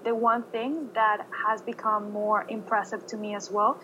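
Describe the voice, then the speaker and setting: A woman's voice: mid-range voice, flat delivery, moderate pace, bright, forceful tone, dull audio, slight background noise. A woman, earnestly answering interview questions. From Venezuela. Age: 20s. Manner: earnest, unscripted account.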